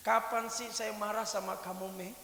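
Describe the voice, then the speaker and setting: A man voicing a loud, bossy father who shouts and blusters and is easily swayed. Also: sits high, level tone, moderate pace, creaky, voice pushed up, full character voice. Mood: angry. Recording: echoey hall, faint hiss.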